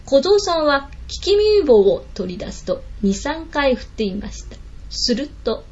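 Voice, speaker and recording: Woman storyteller, high, lively, dramatic; lo-fi recording. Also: a little slow. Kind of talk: folk tale narration.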